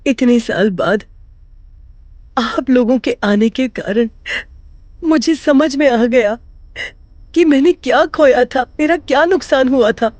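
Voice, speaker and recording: A woman's voice: high-pitched, slow pace, long pauses, a little mellow, no room sound. An actress playing a lonely, emotional older grandmother who pleads with her family to stay. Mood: pleading. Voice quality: tearful, pleading.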